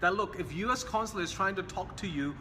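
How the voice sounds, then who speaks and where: Earnest high-voiced young man, echoey room. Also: brisk, sharp tone, slight background noise. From Hong Kong. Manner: earnest, repetitive, sprinkled with religious phrases. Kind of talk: casual talk to camera.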